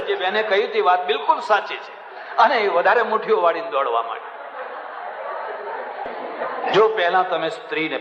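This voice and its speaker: A man's voice: sits high, fairly bright tone, a little hiss or hum. A man giving a storytelling sermon in a folksy way, acting out the people in his anecdotes. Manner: folksy, acts out quoted characters, laughs at his own jokes. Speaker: religious preacher. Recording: echoey hall, dull sound.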